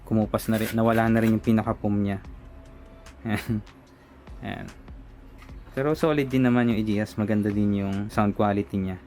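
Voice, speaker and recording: A Filipino man reviewing a product talks through its unboxing and installation step by step, casually narrating his own hands-on work. His voice is on the low side and dark in tone, with fairly even intonation, normal speed and frequent pauses. Music plays in the background.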